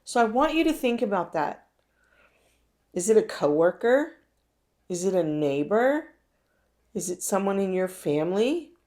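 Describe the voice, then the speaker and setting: A woman's voice: medium pitch, big pitch swings, a little slow, long pauses, a little mellow. A woman telling a personal story in a casual, conversational way, speaking straight to her listeners. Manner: conversational, addresses listeners directly. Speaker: self-help speaker.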